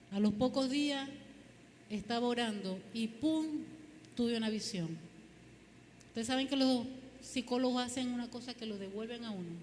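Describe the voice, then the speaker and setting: A woman's voice: fairly high pitch, in a large hall, slight background noise. A woman with a Zulian Venezuelan accent gives a personal testimony in church, telling her story with animation and emphasis. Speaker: church speaker giving testimony. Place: church hall.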